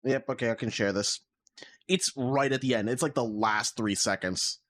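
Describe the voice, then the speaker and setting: A man's voice: mid-range voice, moderate pace, fairly bright tone. A man in casual podcast chat, venting in a rambling, exasperated way and piling on fillers as he explains. His voice sits in a middling register and comes through his own mic on an online call. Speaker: podcast co-host.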